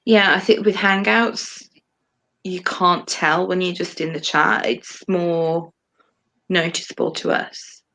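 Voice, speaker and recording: Woman co-host, flat gravelly delivery, rambling with ums, video-call audio. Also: on the low side, slow. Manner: rambling, hesitant with many ums. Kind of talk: casual livestream discussion.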